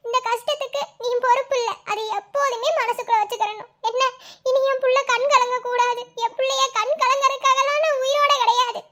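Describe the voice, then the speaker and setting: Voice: very high-pitched, steady tone, a little fast. Someone voicing a fierce Madurai cartoon mother. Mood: tender, consoling. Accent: Madurai Tamil. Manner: scolding, sharp-tongued, then tender. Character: fierce loving village mother, middle-aged. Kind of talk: cartoon voice acting.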